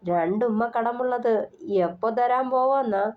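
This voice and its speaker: A woman's voice: on the high side, unhurried, muffled recording, natural voice. A woman voicing a drunk, pushy young man with slurred speech in a storybook reading. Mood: teasing.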